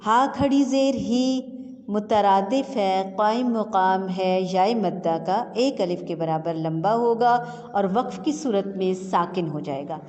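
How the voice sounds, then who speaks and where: A woman teacher leading a slow recitation lesson, spelling out syllables patiently and drawing out each sound. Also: medium pitch, mellow. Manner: patient, drawn-out syllable drills. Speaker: Quran reading teacher. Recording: long reverb with faint music.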